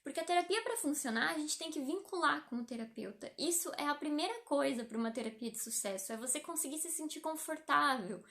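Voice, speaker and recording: Her voice is high-pitched with a fairly bright tone, and her accent is Brazilian Portuguese. This young psychologist from Brazil explains things in a chatty way on a live stream, using plenty of filler words.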